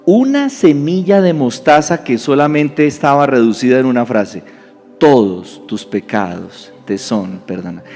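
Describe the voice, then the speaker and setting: A male pastor preaching a sermon as an animated storyteller who acts out the voices in his story. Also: fairly high pitch. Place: church sanctuary. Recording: reverberant church hall, soft music.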